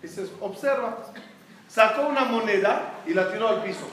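A man's voice: high-pitched, a little fast, a bit bright. A man from Israel, a rabbi giving a talk, who asks his listeners questions and answers them himself. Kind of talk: Torah talk to an audience. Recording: echoey room, distant mic, faint noise.

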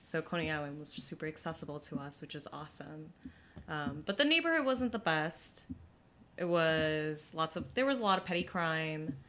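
A woman's voice: low voice, big pitch swings, normal speed, a bit bright, slight background noise. A young woman from Brooklyn, a guest in an interview, telling her story in a chatty way with many fillers and restarts. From Brooklyn, New York.

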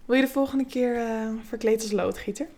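A woman's voice: a little high, steady tone, fairly quick, warm tone. A woman doing a teasing young male lover. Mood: playful.

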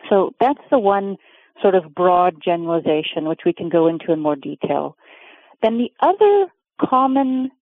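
A woman's voice: fairly low pitch, no echo. A middle-aged woman from Oregon talks earnestly over a thin, phone-like line, explaining her work with repeated restarts. The sound is dry and boxy. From Oregon, USA. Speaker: guest, pet custody mediator. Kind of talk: conversational interview answers. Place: home in Cape Town, remote call.

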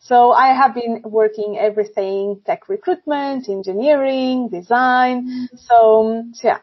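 A woman's voice: fairly high pitch, unhurried. A woman from Portugal, a tech recruiter talking as a podcast guest in a friendly, filler-heavy way. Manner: friendly, apologetic, many fillers. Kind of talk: casual podcast chat. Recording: dull lo-fi sound.

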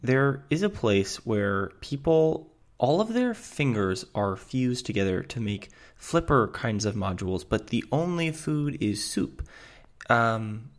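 A man co-hosting a comedy podcast, describing absurd things in a dry, deadpan way. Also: mid-range voice, slow. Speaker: podcast co-host. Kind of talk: casual comedic chat.

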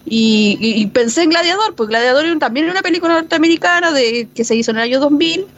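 A woman's voice: sits high, quick pace, dull audio. A woman co-hosting a podcast who chats casually about film and history, telling stories with animation and laughter. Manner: animated, laughing storyteller with many restarts. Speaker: podcast co-host.

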